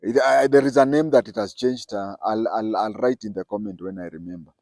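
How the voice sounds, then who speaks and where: A middle-aged man giving solo political commentary, speaking deliberately and repeating key points for emphasis. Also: fairly low pitch, a little mellow, no room sound.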